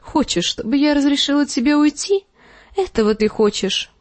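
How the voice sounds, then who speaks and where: Woman doing a screechy jealous noble lady, high and tearful, super dry close sound. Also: lively intonation, moderate pace, no room sound. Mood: shrill hysterical. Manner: shrill, screeching, pleading.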